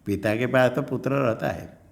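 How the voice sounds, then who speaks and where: Older man teaching scripture, slow and repetitive. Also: medium pitch, fairly even intonation, vocal fry. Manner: explains slowly, repeats and glosses each term. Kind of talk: scripture class lecture. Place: ashram.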